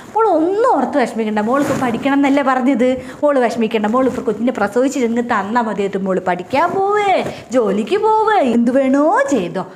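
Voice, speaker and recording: A woman's voice: fairly high pitch, a little mellow, slight background noise, natural voice. A woman playing a dramatic, bossy older mother-in-law in a comedy sketch. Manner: dramatic, scolding and gushing by turns.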